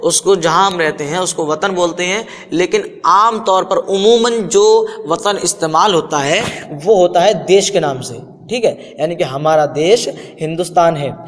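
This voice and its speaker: A man's voice: sits high, moderate pace, few pauses. A man teaching a beginner language lesson, spelling out syllables one by one and checking in with "okay" after each word. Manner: patient, repeats and spells syllables, says "theek hai" often. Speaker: Urdu teacher. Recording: long reverb.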